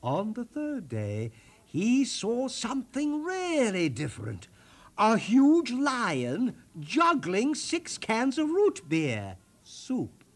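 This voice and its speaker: A man narrates a children's storybook at a leisurely pace, with huge swings of intonation. His voice is husky and a little high, and he savors each description in a theatrical, deliberate manner. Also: huge pitch swings. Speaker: storyteller host. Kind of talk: expressive children's storybook reading.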